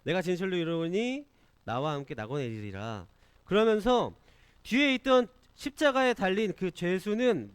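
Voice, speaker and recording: Male children's preacher, high and lively, asks the kids questions, dry close sound. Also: no room sound. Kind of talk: children's sermon. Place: church classroom.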